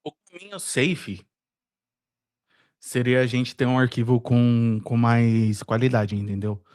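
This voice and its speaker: A man's voice: mid-range voice, fairly even intonation, slow, a little mellow. A man with a Brazilian accent working as a video editor, talking hesitantly with lots of fillers and a defensive tone. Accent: Brazilian Portuguese. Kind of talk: casual work conversation.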